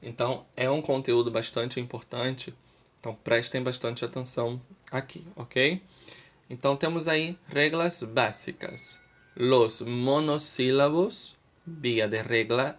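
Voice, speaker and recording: Brazilian man, language teacher, unhurried lesson delivery, mid-pitched, keeps checking in with students. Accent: Brazilian Portuguese. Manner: slow and deliberate, checks understanding with "ok?". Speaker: Spanish teacher. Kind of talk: recorded school lesson.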